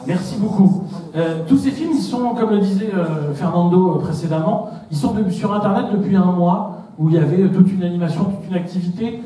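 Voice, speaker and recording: A man's voice: high-pitched, fairly quick, dark tone. A man giving an organiser's thank-you speech to an audience. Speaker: festival organiser. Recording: very echoey hall, distant mic.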